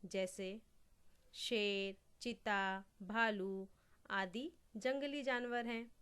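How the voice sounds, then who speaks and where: A woman's voice: mid-range voice, steady tone, fairly bright tone, smooth. Woman teaching a Hindi grammar lesson. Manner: slow, deliberate explaining with repeated examples.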